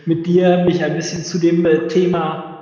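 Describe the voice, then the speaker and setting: A fairly high-voiced man, an event entrepreneur appearing as an interview guest, explains things at length and often pauses on filler sounds, his tone level and warm. He's recorded at home in an office with no proper mic, so his voice booms with strong echo and a long reverb tail. The sound is muffled, low-quality and lo-fi, like a reverberant room.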